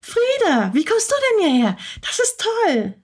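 A woman voicing a young girl lying in a hospital bed, excited and urgent in a storybook tale. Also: moderate pace. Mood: overjoyed. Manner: high and excited, urgent whispered warnings.

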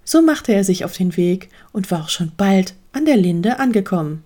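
A woman narrating a children's story aloud with expressive, lively delivery. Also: medium pitch, normal speed.

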